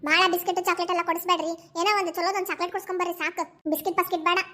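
A woman playing a fussy grandmother, high and rapid. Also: level tone, pushed and bright. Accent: North Karnataka Kannada. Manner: chiding yet coaxing, fast. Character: fussy doting grandmother, mother-in-law. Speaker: cartoon voice actor. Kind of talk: cartoon voice acting.

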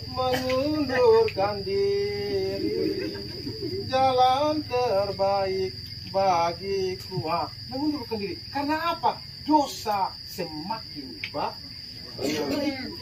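A middle-aged man with a Papuan Indonesian accent preaching a sermon, lively and quizzing the congregation. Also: high-pitched, slow. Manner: lively, asks the congregation questions. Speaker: priest. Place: outdoor open-sided tent at night. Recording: loud insect noise from far off.

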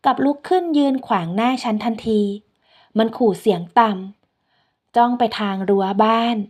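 Woman narrator, soft and unhurried, voice sitting a bit high, reads a scripted first-person story.

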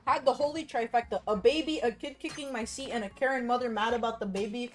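A woman streaming a co-op game, chatting and teasing her friends with animated outbursts. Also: a little high, fast talker. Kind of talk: casual gaming chat with friends.

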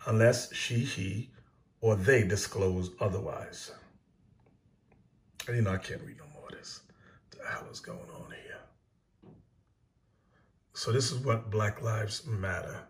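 Animated preacher man in an echoey room. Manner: animated, emphatic, voice jumping high when mocking others. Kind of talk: video sermon commentary.

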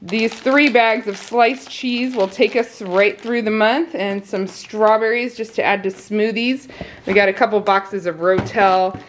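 A woman's voice: medium pitch, steady tone, measured pace, a little hiss or hum. Chatty mom showing her groceries. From United States. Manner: chatty, laughs often, talks while handling items. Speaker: mother of a large family, channel host. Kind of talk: casual grocery haul vlog. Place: indoors at home, kitchen.

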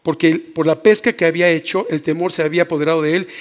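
A high-pitched man delivers an animated sermon to a church audience. He swings between tender, emotional passages and playful jokes, addressing listeners directly. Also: quick pace. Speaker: preacher. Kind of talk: lively sermon. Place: church hall.

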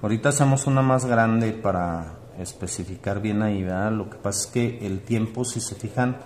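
Low-voiced male art teacher, demonstrates step by step while painting; faint background hiss. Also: normal speed, a little mellow. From Mexico. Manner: explains step by step while painting, thinking aloud; often ends phrases with tag questions. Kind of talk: online art class demonstration.

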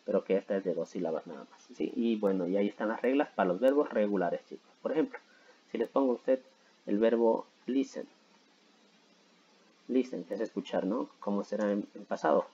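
Low, mellow-voiced man teaching grammar. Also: brisk, lo-fi sound, slight background noise. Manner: patient, repeats himself with many "¿sí?" and "¿no?" check-ins. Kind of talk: explaining grammar to school students.

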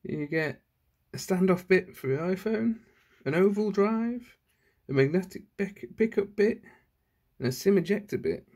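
During a casual at-home unboxing, a male channel host thinks aloud and corrects himself, recording one-handed on his phone camera indoors. His high-pitched, darkish voice is expressive, delivered at a measured pace.

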